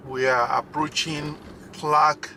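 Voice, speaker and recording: A man giving a casual, unscripted tour commentary from inside a moving car, speaking haltingly with frequent pauses. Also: fairly high pitch, little pitch movement, bright, forceful tone, rough recording. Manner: halting, hesitant, pausing often. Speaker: vlogger, driving tour host. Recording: road and car noise. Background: faint vehicle noise.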